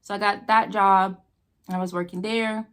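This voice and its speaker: An American woman telling a casual, rambling personal story with halting pauses, talking between bites with her mouth sometimes full. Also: mid-range voice, fairly even intonation, a bit bright. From New Mexico, United States. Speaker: vlogger telling a personal story while eating.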